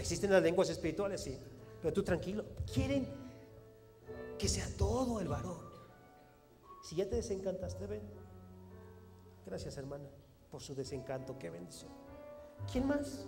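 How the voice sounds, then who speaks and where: High-voiced pastor preaching in a hall. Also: male voice. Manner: animated, preaching with rising emphatic phrases and acted quotes. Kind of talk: sermon. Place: church hall. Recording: long hall reverb with faint music.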